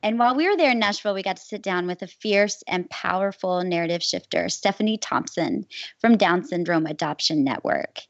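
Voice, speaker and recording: Excited woman podcast host, slightly dull sound. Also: lowish voice, brisk, dry recording. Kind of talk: casual scripted podcast announcement. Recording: dull, slightly lo-fi close recording.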